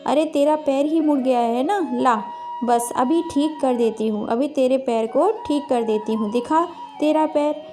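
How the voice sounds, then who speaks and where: Woman doing a sharp-tongued scolding mother-in-law. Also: high-pitched, unhurried, over music. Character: harsh scolding middle-aged mother-in-law.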